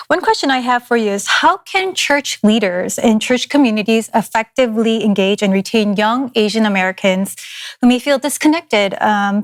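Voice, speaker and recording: A woman moderating a roundtable discussion, asking plain, direct questions. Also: fairly high pitch.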